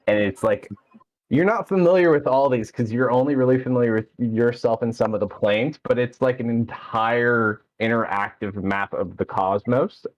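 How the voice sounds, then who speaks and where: A man works as game master, narrating scenes and calling for rolls in casual, colloquial speech. His medium-pitched voice is recorded very dry. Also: no echo, muffled recording.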